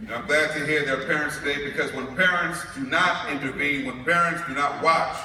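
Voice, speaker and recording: A New York man delivers a conference keynote, spinning humorous stories in a slightly high, fairly quick voice that sounds pushed and bright. He's in a large conference hall, captured from a distance, so the audio is echoey and noisy.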